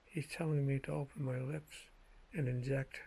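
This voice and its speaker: A man speaking in a measured, halting way with a gravelly, husky voice, telling personal anecdotes in a casual monologue. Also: mid-range voice, little pitch movement, dark tone, low-quality recording. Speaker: vlogger telling personal stories.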